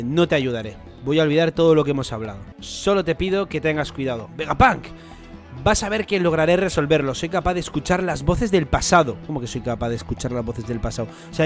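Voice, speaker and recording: A young man with a Spain Spanish accent reading a manga chapter aloud and reacting to it, excitable, swearing freely and bursting into shouts. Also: a little high. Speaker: anime reaction host. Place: home, floor above construction work.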